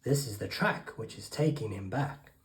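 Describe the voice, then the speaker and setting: Woman storyteller, picture book read-aloud, low voice, swooping pitch, expressive, gasps. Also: moderate pace, heavy background noise. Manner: animated and expressive, with dramatic gasps. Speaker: storyteller for children.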